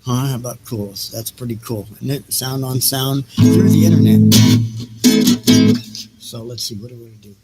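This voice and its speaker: A man hosts a livestreamed reading and music show, chatting casually and improvising, rambling as he thinks aloud and repeats his phrases. His voice is medium-pitched at a normal speed with long pauses, and the rough recording has loud music over it.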